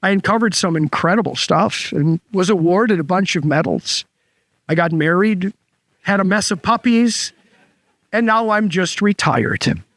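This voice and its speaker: A man's voice: high-pitched, a little slow, fairly bright tone, no echo, studio quality. A man voicing a proud, retired male Labrador retriever who tells a folksy tale of spying in a joke.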